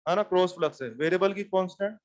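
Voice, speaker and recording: A man teaching physics to a class, animated and often repeating questions back to students. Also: high-pitched, quick pace, muffled recording. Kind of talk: classroom lecture.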